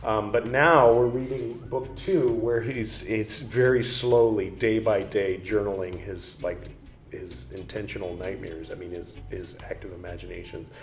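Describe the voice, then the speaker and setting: A man's voice: fairly low pitch, steady tone, unhurried, vocal fry. A man reading a book aloud and breaking off into rambling, jokey asides of his own. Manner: rambling, jokey asides between read passages. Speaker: book reader and commentator. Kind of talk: casual reading with commentary. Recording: echoey room with faint music.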